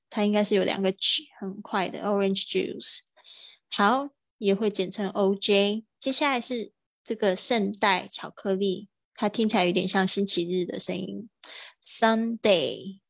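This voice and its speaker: A woman teaching English vocabulary in a livestream, drawing out model words slowly between quick explanations. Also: mid-range voice, vocal fry, dry recording.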